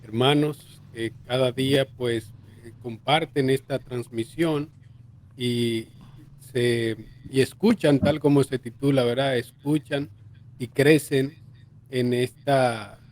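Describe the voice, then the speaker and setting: A man speaks as a pastor on the radio in a thoughtful, measured way. He talks slowly, and his voice sits in a middle range. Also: medium pitch, steady tone, darkish tone. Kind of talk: casual radio chat.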